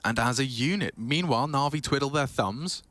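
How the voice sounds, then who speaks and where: A man's voice: medium pitch, moderate pace, a bit bright, dry recording. A man working as an esports caster, calling play-by-play in a dramatic, wordy style with colourful turns of phrase. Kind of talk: esports match commentary.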